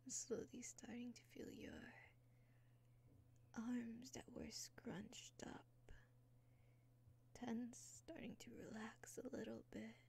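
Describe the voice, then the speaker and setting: A young woman doing an ASMR roleplay as a caring caretaker, whispering slowly and soothingly into a close mic, with frequent soft "mm-hmm" murmurs. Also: on the high side, level tone, creaky. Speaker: ASMR creator. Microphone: close sensitive mic.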